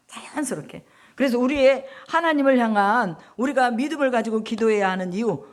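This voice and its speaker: A middle-aged woman missionary preaches in an easy, conversational way. She keeps asking her listeners questions and answers them herself. She often acts out prayers in the voices of the people she talks about. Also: mid-range voice. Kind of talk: sermon.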